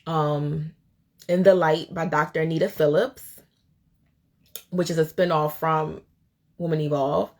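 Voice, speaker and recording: A woman's voice: deep voice, steady tone, unhurried, pauses often, a little mellow. A young woman hosting a live stream, chatting casually in a rambling way with many fillers and reading out viewer comments. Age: young adult. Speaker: host of a live show.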